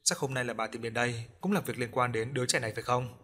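A man's voice: mid-range voice, fairly even intonation, fast, fairly bright tone, natural voice. A man voicing a Buddhist monk who speaks firmly and with command. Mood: calm. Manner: firm, commanding. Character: calm Buddhist monk, stern toward a spirit.

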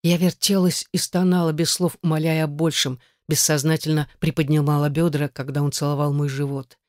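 A male audiobook reader in steady, even scripted narration. His voice sits a little high for a man. The recording is dry and close, with no room sound. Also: a little fast, no room sound.

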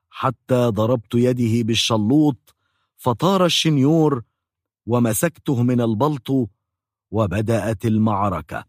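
A man's voice: medium pitch, darkish tone, slightly rough, dry recording, clean studio sound. A man with an Egyptian Arabic accent telling a comic first-person story in a mock-dramatic, exaggerated way.

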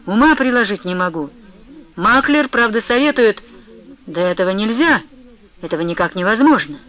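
A woman's voice: medium pitch, animated, normal speed, a bit bright, dull audio, natural voice. A woman reading an audiobook, voicing a cold, evasive young man who talks grudgingly. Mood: grumbling.

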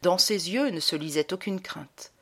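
A woman narrating a literary audiobook with dramatic, expressive reading and slowed emphasis. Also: on the low side.

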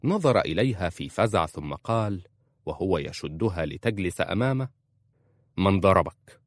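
A man reads a dramatic story aloud in a measured way, his voice deep and very low. The recording is close and completely dry, with no room around it. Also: very animated, dry recording. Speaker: audiobook narrator.

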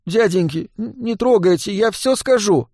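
A man's voice: high-pitched, unhurried, dry recording, clean studio sound, voice pushed up. A man voicing a scrawny young thief who whines and pleads in a put-on scared voice. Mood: whining. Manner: whiny, pleading. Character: scrawny young male street thief, scared whiny act.

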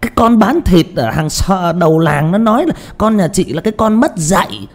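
Gossipy meddling neighbor man, very high shrill voice, swoops all over. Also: very animated, normal speed. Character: nosy gossiping male village neighbor, meddling.

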